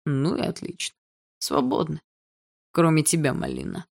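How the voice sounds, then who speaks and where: A woman voicing a domineering teenage schoolboy who gives curt, menacing orders in a low, gravelly voice. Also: huge pitch swings, normal speed, darkish tone, heavily acted. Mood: commanding.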